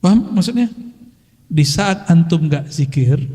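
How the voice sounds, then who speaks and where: A man's voice: on the high side, lively intonation, measured pace, dark tone. A middle-aged man preaching a religious study talk in a casual, conversational way, weaving in Arabic phrases. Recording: long hall reverb.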